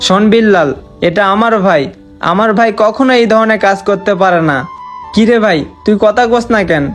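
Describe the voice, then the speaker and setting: A young man acting out an earnest, sorrowful man just back from years of work abroad, who talks in a heartfelt, pleading way. His voice sits high. Soft music plays faintly underneath. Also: normal speed, close to an everyday voice. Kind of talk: amateur short-film acting. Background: faint background music.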